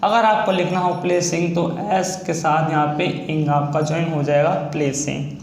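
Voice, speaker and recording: A man teaching a shorthand lesson, slowly and patiently spelling out each sound step by step. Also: fairly high pitch, fairly even intonation. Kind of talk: classroom-style lesson. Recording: echoey room with faint ambient noise.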